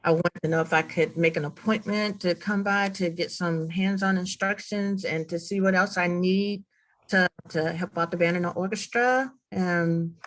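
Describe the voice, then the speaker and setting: A woman's voice: lowish voice, fairly even intonation, normal speed, rough recording. A woman attending an online workshop who asks questions in a polite, tentative way over a video call. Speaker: workshop participant. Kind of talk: asking questions.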